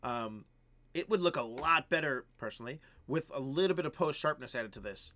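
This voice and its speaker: A man's voice: medium pitch, expressive, brisk, pushed and bright. A man hosting a live stream, giving casual feedback on viewers' videos and coaching them with lots of "um" and "right?". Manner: chatty, frequent "um" and "right?", coaching tone.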